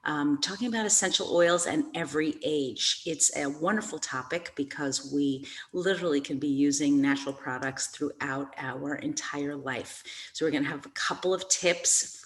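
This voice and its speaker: A woman's voice: low-pitched, fairly bright tone. A middle-aged woman giving an informal, chatty live online class from a stairwell in a house, speaking directly to her viewers as a presenter.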